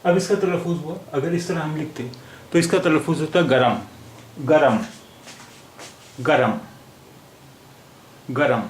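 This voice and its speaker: A man teaching a language lesson, pausing on fillers and repeating each word several times. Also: fairly high pitch, fairly even intonation. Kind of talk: slow explanatory lesson. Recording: echoey room with faint hiss.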